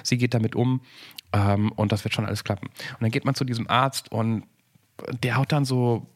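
A man's voice: medium pitch, fairly even intonation, normal speed. A man in his forties talking casually and thoughtfully on a podcast, rambling with frequent restarts and fillers. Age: 40s. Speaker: podcast co-host.

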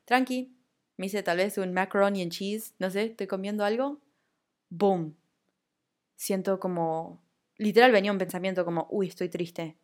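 A woman's voice: medium pitch, normal speed, long pauses. A young woman with a Rioplatense accent, hosting a casual solo podcast in an upbeat, chatty, confiding way. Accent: Rioplatense Spanish. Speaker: podcast host.

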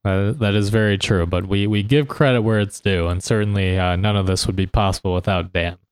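A man's voice: on the low side, fairly even intonation, a little fast, clear, resonant tone, dry recording. A man co-hosting a sports podcast on a close mic, chatting casually and a little hesitantly. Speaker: podcast co-host. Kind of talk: casual sports podcast chat about fantasy football.

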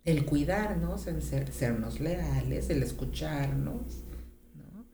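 A woman's voice: low voice, expressive, slow pace, vocal fry. A middle-aged woman in casual conversation, acting out quotes in exaggerated voices. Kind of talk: casual chat. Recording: echoey room with faint noise.

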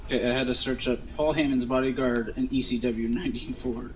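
A man's voice: mid-range voice, flat delivery, fairly quick, a little hiss or hum, low-quality recording. A man chatting casually as a co-host, giving blunt, profane, slangy off-the-cuff commentary. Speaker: co-host of a wrestling watch-along.

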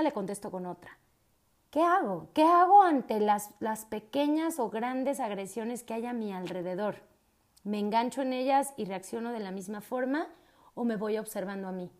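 A woman's voice: mid-range voice, a little mellow. A middle-aged woman, a coach hosting a reflective solo talk, asking many rhetorical questions. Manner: conversational, asks many rhetorical questions, tag "¿no?". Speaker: podcast host and coach.

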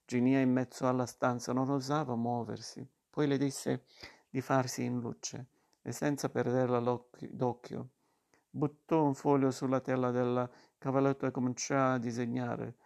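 A man reads a novel aloud in a low, even monotone. His voice is gravelly and fry-laden, with hardly any rise and fall, and he now and then stumbles and restarts a word. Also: normal speed. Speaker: reader.

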